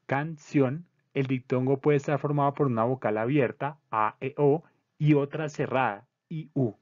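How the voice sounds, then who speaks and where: A man giving a didactic talk on poetry, reading out definitions and examples in a measured way and breaking some words into syllables. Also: mid-range voice, a little mellow, no room sound, lo-fi sound. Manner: measured and didactic, spelling out syllables, with occasional slips and restarts. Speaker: presenter of a literary discussion circle.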